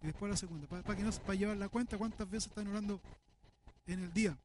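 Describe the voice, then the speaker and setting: A man's voice: sits high, quick pace, darkish tone. Guy preaching, earnest, lots of "eh" and questions, slight noise in the background. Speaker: pastor. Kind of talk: sermon.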